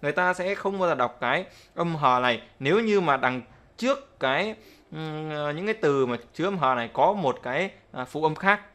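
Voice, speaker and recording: A man's voice: fairly high pitch, animated, brisk, a bit bright. A man teaching English pronunciation in a casual spoken lesson, explaining step by step and often checking that viewers follow.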